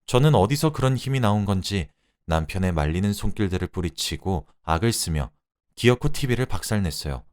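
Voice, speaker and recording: A man narrating a first-person story as a scripted reading, told in an expressive, conversational way. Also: low voice, brisk.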